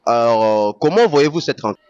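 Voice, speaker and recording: A man from the Democratic Republic of the Congo hosts a street vox-pop, prompting with plenty of hesitant fillers. His voice sits at a middle pitch and is captured dry. The sound is dull and lo-fi. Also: fairly quick, dry recording. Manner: many fillers, lively prompting. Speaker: street interviewer.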